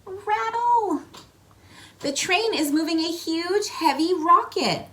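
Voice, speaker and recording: A woman with a very high voice reads a children's picture book aloud slowly, with slight background noise behind her. As a read-aloud host, she tells the story expressively, asking coaxing questions, making asides to young listeners, and acting out sound words.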